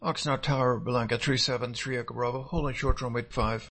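A man's voice: medium pitch, steady tone, brisk, a bit bright. A man speaking as a pilot, giving terse, procedural radio read-backs to air traffic control.

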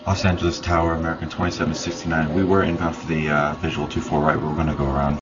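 A man's voice: extremely low pitch, little pitch movement, racing. A man working as an airline pilot, speaking casually and unruffled in radio calls and readbacks. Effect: aviation radio transmission. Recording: muffled band-limited cockpit radio.

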